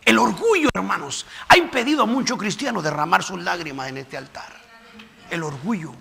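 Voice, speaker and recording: A man's voice: high voice, expressive, fairly quick, creaky, pushed and bright, in a large hall. A man preaching a fervent sermon in a church, recorded live. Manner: fervent preaching, voices the people in the story. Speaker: pastor. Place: church sanctuary.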